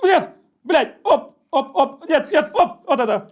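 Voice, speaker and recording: A man's voice: very high voice, expressive, measured pace. A young man, a game show contestant, calls out short repeated directions to a teammate, swearing and laughing often. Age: young adult.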